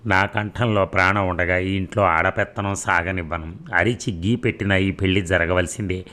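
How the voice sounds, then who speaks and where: A man's voice: low voice, steady tone, normal speed. A man voicing a stern, commanding, old-fashioned father in a read-aloud story. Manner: shouting, commanding threats.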